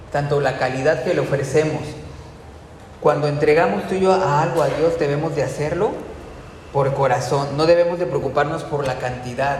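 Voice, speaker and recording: A man preaching a sermon in a casual, conversational way, asking the congregation rhetorical questions. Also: on the high side. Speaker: pastor. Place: church. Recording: very echoey church hall, faint room noise.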